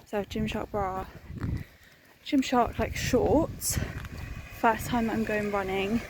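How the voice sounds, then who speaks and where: A young woman chatting casually and excitably in a vlog, peppering her talk with informal filler. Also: mid-range voice, takes it slowly, background noise. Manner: excitable and informal, frequent "like" and "oh my God". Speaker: vlogger.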